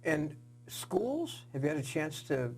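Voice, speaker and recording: A man hosting a TV sports interview, asking earnest questions with halting fillers. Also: fairly high pitch, very animated, gravelly, a little hiss or hum. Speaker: sports show host.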